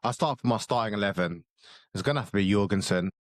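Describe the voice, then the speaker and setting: A man's voice: fairly low pitch, fast, no echo, clean studio sound. A young man in a casual football chat, passionate and fired up, with casual slang. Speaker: co-host, football fan.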